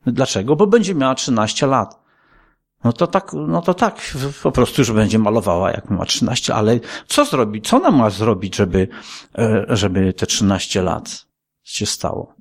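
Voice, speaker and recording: A man's voice: fairly low pitch, animated, moderate pace. A male pastor preaching a sermon in a conversational style, with frequent rhetorical questions. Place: church.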